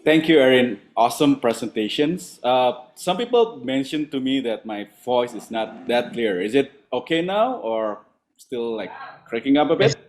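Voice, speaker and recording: Male moderator on video call, friendly, halting delivery. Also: mid-range voice, expressive. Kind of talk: webinar moderation.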